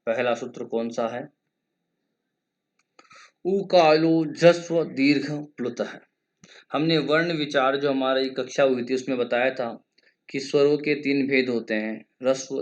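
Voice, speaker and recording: A male lecturer teaching Sanskrit grammar in a measured, explanatory way, stretching vowels to show their lengths and chanting grammar rules slowly. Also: mid-range voice. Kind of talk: exam-prep grammar lesson.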